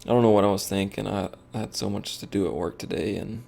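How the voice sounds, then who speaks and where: A man's voice: fairly low pitch, fairly even intonation, fast, gravelly, dark tone. A tired man streaming a game, rambling and thinking aloud with lots of fillers as he comments casually.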